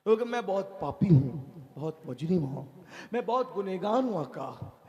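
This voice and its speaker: A man's voice: high-pitched, expressive, normal speed, mellow, lo-fi sound. A male preacher voicing a remorseful young man who weeps and pleads as he confesses his sins. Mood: pleading. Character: remorseful young male grave robber, weeping and ashamed. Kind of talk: emotional sermon storytelling.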